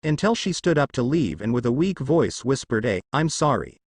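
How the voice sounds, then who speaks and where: Man narrating a story, lively pitch. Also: moderate pace, dry recording, clean studio sound. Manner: reads all parts in one steady narrating voice, tag lines included. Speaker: narrator of fan fiction. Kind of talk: reading a fan story aloud.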